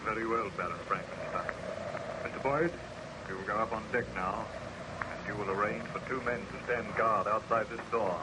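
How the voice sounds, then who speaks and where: An actor playing a commanding but solicitous ship's captain, formal and declamatory, in an old radio serial. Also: male voice, on the low side, moderate pace, heavy background noise, close to an everyday voice. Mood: reassuring. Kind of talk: 1930s-40s radio serial acting.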